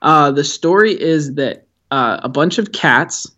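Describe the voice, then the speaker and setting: A man's voice: fairly high pitch, lively intonation, measured pace, bright, forceful tone. Giggly male guest with dull lo-fi sound. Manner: laughs often, many ums and restarts. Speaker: podcast guest. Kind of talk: casual chat.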